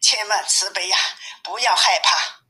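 Woman putting on a gentle pleading monk. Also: mid-range voice, measured pace. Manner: soft, pleading and polite. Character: gentle pious male monk, master.

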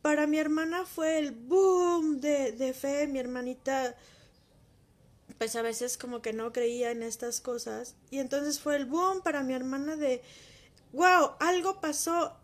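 A woman with a high voice gives a heartfelt personal testimony. She speaks in an emotional, intimate way, as if confiding in one listener. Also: a little slow, a little mellow.

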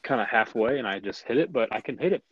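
A man's voice: medium pitch, expressive, fast talker, a bit bright, breathy edge, dry recording, highs cut off. A man co-hosting a podcast in casual chat, often stumbling and repeating words as he starts a sentence. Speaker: podcast co-host.

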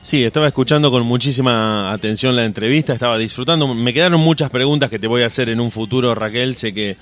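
A man's voice: medium pitch, fast, fairly bright tone. A man hosting a radio show, speaking in long, flowing, friendly sentences as he wraps up an interview. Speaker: radio host.

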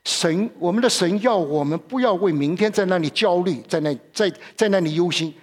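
A man's voice: sits high, normal speed. A man preaching a sermon in a conversational way, often repeating himself and putting questions to his listeners.

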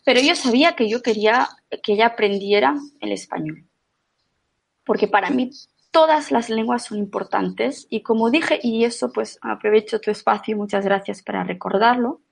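A middle-aged woman from Menorca talks as a podcast guest in casual conversation, chatty and full of fillers, often restarting her sentences. Her voice is on the high side, creaky and slightly rough, at a moderate pace.

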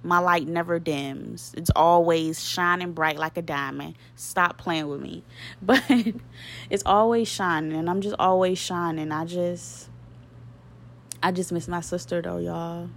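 Candid young woman with a low voice. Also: fairly even intonation, measured pace, gravelly. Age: 20s. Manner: candid and emotional, repeats phrases, heavy slang. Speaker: podcast host. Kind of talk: solo podcast monologue, casual venting.

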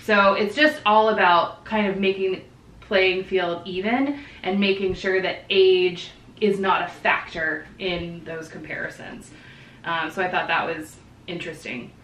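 A woman's voice: on the low side, fairly even intonation, a little slow, a bit bright, a little hiss or hum. A woman co-hosting a podcast, explaining statistics terms in casual chat with frequent fillers and easy laughs. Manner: chatty, laughs easily, many fillers. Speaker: podcast co-host. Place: living room with dog present. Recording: roomy echo, distant mic, faint background.

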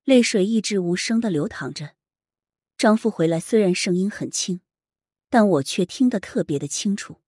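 A woman reading a first-person story aloud in a slow, soft, emotional way. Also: medium pitch, lively intonation, dry recording, studio quality. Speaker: narrator.

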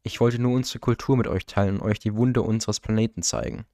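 Man doing a proud nervous guardian, respectful but uneasy, lowish voice, dry audiobook sound. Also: fairly even intonation, fast talker, mellow, dry recording, natural voice. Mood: earnest, uneasy. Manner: firm yet uneasy, respectful speech.

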